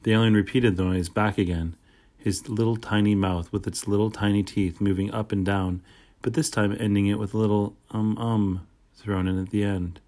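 A man with a low-leaning voice narrates a first-person children's chapter book as an audiobook. He reads at normal speed in a plain, steady storytelling style.

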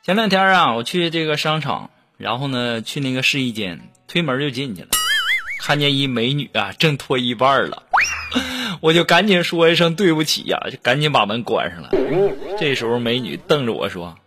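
A man hosting a casual show, telling joke stories in an animated way, with exclamations. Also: medium pitch, moderate pace. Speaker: host reading joke submissions. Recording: steady background music under voice. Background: background music.

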